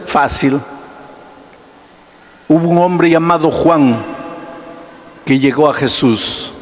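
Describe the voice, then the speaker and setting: High-pitched preaching pastor in a hall. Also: male voice, takes it slowly. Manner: preaching with sweeping swings between hushed and raised delivery; asks the listener direct questions and answers them. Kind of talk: sermon.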